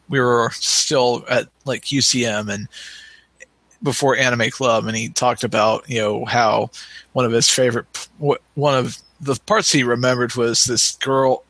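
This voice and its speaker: Podcast cohost guy, bright forceful voice, halting and stumbly, dry close mic. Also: mid-range voice, no room sound, low-quality recording. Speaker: podcast co-host. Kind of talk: casual podcast chat.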